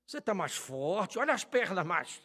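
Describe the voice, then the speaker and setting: Older Brazilian pastor, bright fervent preaching. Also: male voice, high-pitched, sing-song, moderate pace. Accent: Brazilian Portuguese. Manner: fervent preaching, swings from loud shouting to quiet storytelling. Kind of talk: sermon. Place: church.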